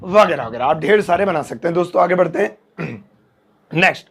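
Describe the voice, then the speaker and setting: Guy teaching english in hindi, high voice with lots of gravel, spells out phrases word by word. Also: expressive. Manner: drills phrases slowly word by word, stretching English examples; playful asides to viewers. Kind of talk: Hindi-language English lesson.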